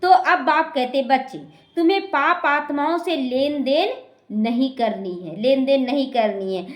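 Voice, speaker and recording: A woman's voice: high voice, a little slow. A woman, a spiritual teacher explaining scripture to a class, repeating her points and speaking straight to her listeners. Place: meditation class hall. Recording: echoey room.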